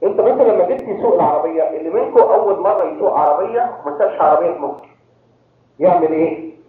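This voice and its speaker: Egyptian priest preaching, quick and high-voiced, keeps quizzing the crowd; heavy echo, phone-thin sound. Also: male voice. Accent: Egyptian Arabic. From Egypt (Cairo). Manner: quizzes the audience with rhetorical questions. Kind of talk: sermon to a congregation. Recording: very echoey tinny phone-like hall recording.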